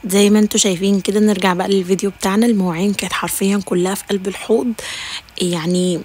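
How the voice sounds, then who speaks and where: A woman with an Egyptian Arabic accent narrates a home routine vlog in a casual voice-over, affectionately calling her viewers "dear sisters." Her voice is medium-pitched, steady and a little mellow, she talks very fast, and she sounds slightly tired.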